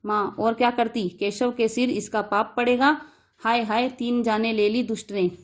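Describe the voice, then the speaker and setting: A woman's voice: a little high, fairly even intonation, moderate pace, lightly acted. A woman voicing a stern mother scolding her children in a read-aloud story. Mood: lamenting.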